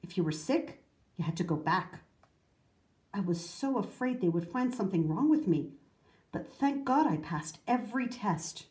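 A woman's voice: mid-range voice, animated, darkish tone, natural voice. Woman reading as an earnest old grandmother. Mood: solemn. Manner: solemn, measured telling. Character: earnest old grandmother recalling hard times. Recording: roomy echo.

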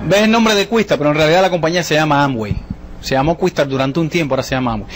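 A man pitches a business opportunity to a roomful of guests. His voice sits high and he talks at a rapid clip, joking and throwing rhetorical questions at the crowd. A faint room hum sits under him. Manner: jokey, rapid-fire, full of rhetorical questions. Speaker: business presenter. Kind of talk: motivational sales presentation. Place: event room with a live audience.

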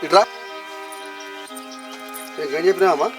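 An actor playing a stern village elder who scolds and questions the women in a quarrel, with a Telangana Telugu accent. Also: male voice, sits high, steady tone, measured pace. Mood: scolding. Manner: scolding, interrogating. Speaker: village elder mediating a dispute. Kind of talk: village short film acting. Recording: mic far off, music behind.

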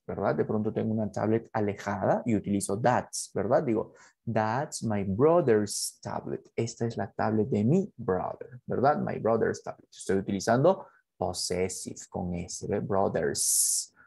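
A male English teacher explains a class project, speaking slowly whenever he models example sentences. His voice is dark and gravelly with a husky edge. The recording is dry and close. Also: medium pitch, no room sound. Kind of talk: explaining a school project in Spanish.

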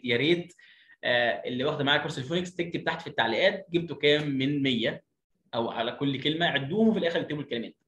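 A man with an Egyptian Arabic accent giving an online phonics lesson. He counts aloud slowly, then drills each word by repeating it. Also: medium pitch, a bit bright, reverberant. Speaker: phonics teacher.

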